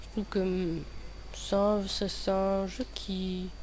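A young man hosting a gaming video talks over gameplay in a high-pitched, entirely flat voice that is slow and slightly mellow. His lisp slurs his s sounds, and his commentary is hesitant and rambling, full of self-corrections. Noticeable background noise runs through the recording.

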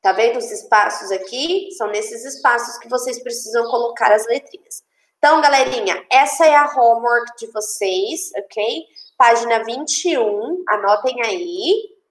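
A woman with a Brazilian accent, teaching English to children in an online class and explaining each line in Portuguese in a lively way. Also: a little high, normal speed. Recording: echoey room.

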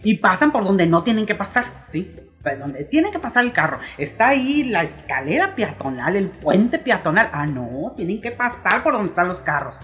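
A woman's voice: medium pitch, very animated, moderate pace, a bit bright, faint music behind. A middle-aged woman with a Mexican accent, ranting in comic exasperation to her vlog audience, grumbling and mock-outraged. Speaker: vlogger. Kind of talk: comic rant to camera.

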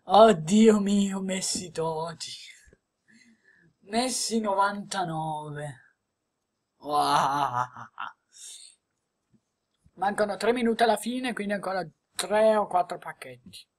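Excitable woman, slow exclaiming gameplay commentary. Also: medium pitch. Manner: excitable, exclaiming and laughing often. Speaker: gaming video creator. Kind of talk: gameplay commentary opening card packs.

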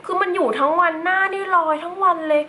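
Bright-voiced chatty woman doing makeup. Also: very high-pitched, quick pace, a little hiss or hum, poor audio. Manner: chatty, playful asides to viewers. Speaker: beauty vlogger. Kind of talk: casual makeup tutorial chat.

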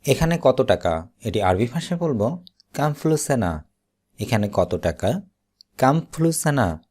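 A man teaching Arabic vocabulary, saying each word slowly and then repeating it. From Bangladesh. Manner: slow, deliberate repetition with lively pitch. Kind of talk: slow vocabulary drill, each word said twice.

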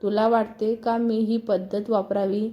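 A woman's voice: medium pitch, little pitch movement, unhurried, lo-fi sound, close to an everyday voice. A woman reading a storybook, voicing an insistent, teasing young husband who keeps pressing firm questions.

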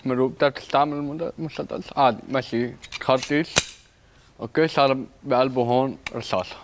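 A man's voice: mid-range voice, fairly even intonation, quick pace, a little hiss or hum, close to an everyday voice. A man with a Lebanese accent acting a boastful, bumbling self-defense coach in a comedy sketch, tossing English words into his speech. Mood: cocky.

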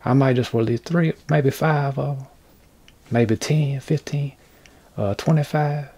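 A man's voice: medium pitch, a little slow, mellow, slightly rough. A man hosting a casual workshop vlog, rambling in a folksy, joking way to his viewers. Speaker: craft channel host. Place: indoor workshop.

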